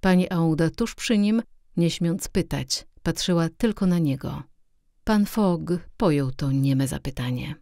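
A woman reads a classic adventure novel aloud as an audiobook, telling it steadily and with expression. Her voice sits fairly low and sounds mellow. The recording is close and dry. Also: unhurried, creaky, no room sound. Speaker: audiobook reader. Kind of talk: audiobook narration.

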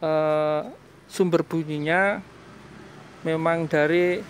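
A man with a slightly high, steady, clear and resonant voice speaks slowly. He is a mechanic in a workshop, demonstrating a diesel engine repair step by step for viewers, and he switches to Javanese when talking with the owner.

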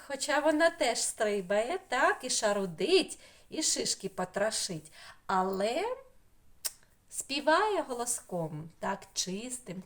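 A middle-aged woman from Ukraine teaching a remote lesson to young children, drawing out sounds in a sing-song way. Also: fairly high pitch. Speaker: preschool teacher. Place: home room, remote teaching.

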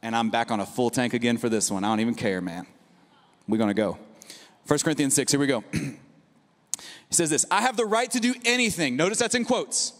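A man in his thirties, a pastor preaching a sermon from a church stage into a handheld mic, talking in an energetic, conversational way with frequent asides. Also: mid-range voice, a little fast, pauses often. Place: large church auditorium stage. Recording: long hall reverb.

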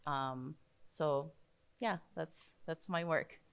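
A woman, introducing herself as an artist and professor on a panel, modest and soft-spoken with many fillers. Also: low-pitched, slow pace, clear, resonant tone. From South Korea. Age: 40s. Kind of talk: panel talk. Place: theater stage before an audience.

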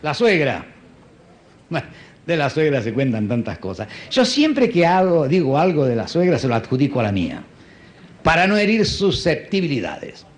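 A man performing a stand-up comedy monologue in a dry, understated deadpan manner. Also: on the high side, normal speed. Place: stage before a live audience. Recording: live show with audience and faint noise.

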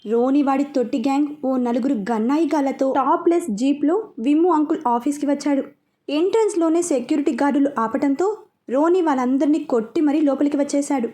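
A woman storyteller reads a serialized story in scripted narration. Her voice sits high yet dark and mellow in tone. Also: a little fast.

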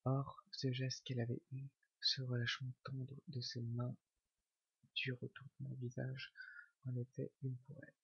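A man giving a whispered ASMR reading of a novel, slow and hushed. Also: mid-range voice, monotone, gravelly, breathy edge, no echo. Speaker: ASMR reader. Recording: dull lo-fi recording.

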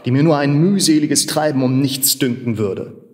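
A man's voice: mid-range voice, normal speed, a little mellow, recorded from a distance, lightly acted. A man voicing a grieving young sailor who laments and pleads in an agitated way. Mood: despairing. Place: large machine workshop hall in a theater. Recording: long reverb of a large hall.

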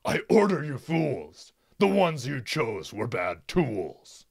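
A man voicing a greedy, gloating fat pig lord who barks orders in a deep, roaring boar voice. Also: very animated, slow, creaky, breathy edge, full character voice. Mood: gloating, commanding. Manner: bossy, commanding, gleeful.

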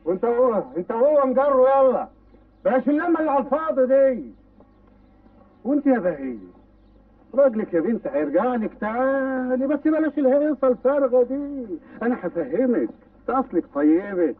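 An actor playing a blustering, sly village mayor with an Egyptian accent in an old film. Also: male voice, very high-pitched, expressive, brisk. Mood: commanding. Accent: Egyptian Arabic. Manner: bossy and blustering, then smoothly coaxing. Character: pompous, sly village mayor, middle-aged man. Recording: tinny, distant old film soundtrack.

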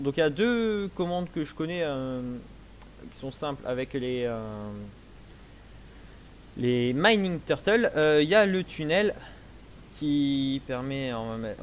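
A young man in a casual let's play, explaining his game setup slowly with many hesitations, speaking into a headset. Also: mid-range voice, slight background noise. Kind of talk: casual gameplay commentary.

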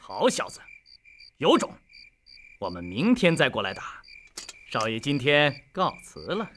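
An arrogant young master taunting his victim in a bright, sharp voice that swings wildly up and down. Faint noise sits under the film track. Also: medium pitch, huge pitch swings, measured pace. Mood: mocking. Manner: mocking, taunting.

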